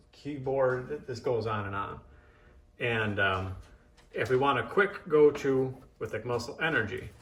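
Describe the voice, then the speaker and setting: A man teaches in a casual, practical way, thinking aloud and giving short, simple cues. His voice sits at a middle pitch. It is picked up at some distance in an echoey room. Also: fairly bright tone. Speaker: massage therapist and instructor. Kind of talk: casual hands-on demonstration, instructing.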